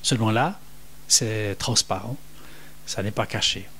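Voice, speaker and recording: A man narrating a nature documentary, explaining things in an unhurried way and speaking directly to the listener. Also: on the low side, sharp tone. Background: music.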